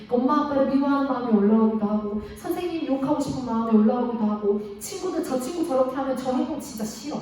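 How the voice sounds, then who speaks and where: A woman gives a children's sermon in a coaxing, animated way and keeps asking the kids questions. Her voice is high-pitched but mellow. It comes across distant and very roomy, with a faint noise floor. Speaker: children's ministry preacher. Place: church hall. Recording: echoey church hall from far off.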